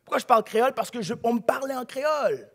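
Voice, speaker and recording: A male pastor, preaching a sermon in a church, dropping to a hush and then rising to a shout. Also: very high voice, animated, very fast, vocal fry. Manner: dramatic preaching, swings from hushed to shouting.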